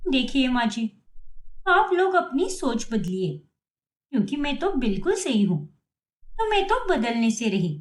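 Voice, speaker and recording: A woman's voice: sits high, big pitch swings, a little slow, long pauses. A woman voicing a cheeky, defiant young daughter-in-law who argues back in a cartoon story. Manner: cheeky, argumentative.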